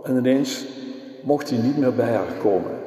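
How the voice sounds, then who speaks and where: A man giving a Christmas sermon, telling stories in a slow, measured way. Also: mid-range voice, expressive, background noise. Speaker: preacher. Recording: echoey church with long reverb.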